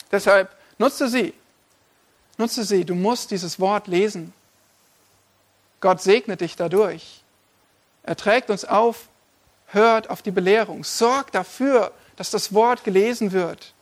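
A male pastor preaching a sermon, addressing listeners directly with emphatic, repeated lists. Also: high-pitched.

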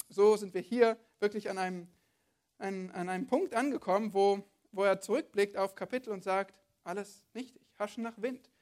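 A woman's voice: medium pitch, a little mellow. A woman preacher giving a sermon, talking to her listeners directly and often asking them rhetorical questions.

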